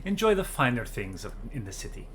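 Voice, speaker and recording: A man plays a pampered lady of high society in a tabletop game. The delivery is bright, refined and affectedly poised, with faint room noise behind it. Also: big pitch swings, brisk. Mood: soothing.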